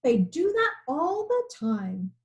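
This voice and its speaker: A woman's voice: high-pitched, very animated, slow, lo-fi sound, heavily acted. Woman doing a sly, matter-of-fact hornbill. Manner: matter-of-fact, innocently explaining. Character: clever male hornbill bird, calm and sly.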